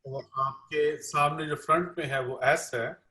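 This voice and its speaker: A man's voice: a little high, fairly even intonation, measured pace, bright, forceful tone. Man interpreting the teacher line by line, lots of filler words, echoey room. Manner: repeats each line, uses many fillers. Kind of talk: live lecture interpreting.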